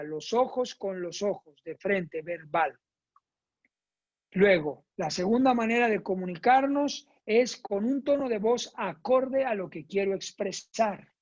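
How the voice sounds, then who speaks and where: A woman teaches a psychoeducational course in a mid-pitched voice. She stresses her points, stacks repeated phrases and keeps asking her listeners if they follow. The recording sounds muffled and lo-fi. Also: a little mellow. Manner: emphatic, repeats phrases in lists, checks in with "¿verdad?". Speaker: course instructor. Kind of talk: psychoeducational lecture. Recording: dull lo-fi recording.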